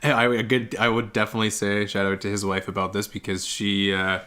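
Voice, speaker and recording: Laughing low-voiced podcast host. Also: male voice, flat delivery, fairly quick, sharp tone. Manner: laughs often, short encouraging replies. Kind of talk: casual interview.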